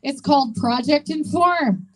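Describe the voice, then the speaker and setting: Lady emceeing a rally, high voice, informal announcements, encouraging, asks the audience stuff. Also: a little slow, poor audio. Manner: encouraging, engaging the crowd with questions. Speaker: rally host and volunteer organizer. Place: public rally, speaking to an audience.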